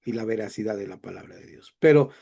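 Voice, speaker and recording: A man's voice: lowish voice, quick pace, gravelly, warm tone, breathy edge. A middle-aged man with a Mexican accent giving a Bible class in a chatty, digressive lecture style. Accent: Mexican Spanish. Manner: digressive, chatty, self-deprecating asides. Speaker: Bible teacher.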